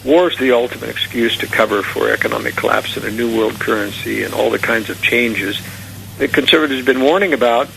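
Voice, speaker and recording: A man's voice: mid-range voice, a little fast, creaky, fairly bright tone, slight background noise, low-quality recording. A man speaking as a radio talk show guest, giving earnest, conspiratorial political warnings in long, unscripted explanations. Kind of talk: unscripted political interview commentary.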